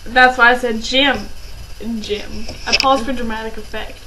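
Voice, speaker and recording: A woman's voice: a little high, fairly even intonation, moderate pace, noisy background. A young woman chatting casually in a playful, silly, joking manner. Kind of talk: casual chat.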